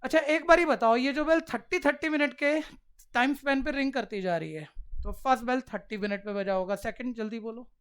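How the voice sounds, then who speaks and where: A man teaching maths to a class, coaxing the pupils along with quick direct questions. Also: very high-pitched, a bit bright, clean tone. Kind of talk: classroom lecture.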